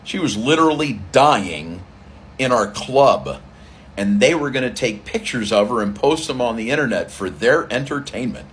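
A man's voice: mid-range voice, expressive, normal speed, a bit bright, slight background noise. A man who works as a club DJ, telling a long story in a rambling casual way, repeating phrases and acting out what people said. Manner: rambling, repeats phrases, acts out quoted dialogue.

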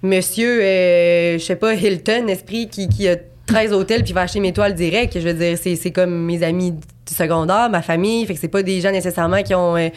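A woman's voice: fairly low pitch, steady tone, brisk, few pauses. A woman aged twenty-eight with a Quebec French accent, talking casually and at length as a guest artist in an interview, with lots of fillers and restarts. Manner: chatty, rambling, many fillers and restarts.

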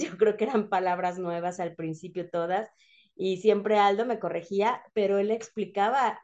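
A woman with a Mexican Spanish accent, a host mother of an exchange student, telling family anecdotes in a relaxed chat and laughing often. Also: medium pitch, highs cut off. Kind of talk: casual podcast storytelling.

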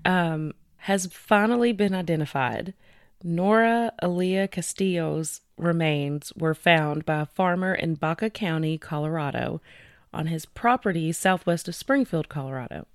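A true-crime podcast co-host presents cases in a relaxed, chatty manner, filling in with fillers and taking the details slowly. Her voice is on the low side with a clean tone, recorded at studio quality without echo.

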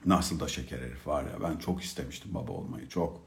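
A middle-aged man telling a humorous personal story about being a father, in an expressive, colloquial manner. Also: very deep voice, quick pace, gravelly. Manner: expressive, humorous, colloquial, swings from hushed to excited. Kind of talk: storytelling talk.

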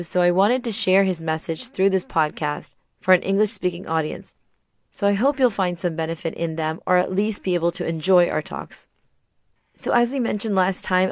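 A middle-aged woman hosts a podcast, reading a scripted talk in a calm, measured way. Her fairly low voice is a little raspy from a sore throat. The sound is dry and close, with no room echo. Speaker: podcast host.

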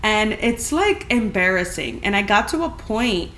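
A woman's voice: medium pitch, sing-song, measured pace, a bit bright. Chatty woman podcaster in an echoey room. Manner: chatty, candid and conversational. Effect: big echoey room sound. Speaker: podcast host. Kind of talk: casual solo podcast chat. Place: spacious, empty apartment indoors. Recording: echoey room with faint background hiss.

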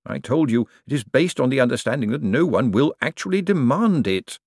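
A man voices a pompous middle-aged chief clerk, icy and disdainful, who hums "mm" before he answers. The voice sits noticeably higher than the narrator's own and swings in pitch. It sounds close and dry. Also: lively intonation, a little fast, darkish tone, breathy edge, dry recording. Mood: uneasy. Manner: disdainful, hesitant "mm" before replies.

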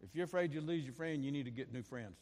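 A man preaching a sermon as pastor, impassioned, swinging between bursts of fervor and quieter asides, often repeating his phrases. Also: mid-range voice, animated, fast talker, in a large hall, soft background music. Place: church sanctuary.

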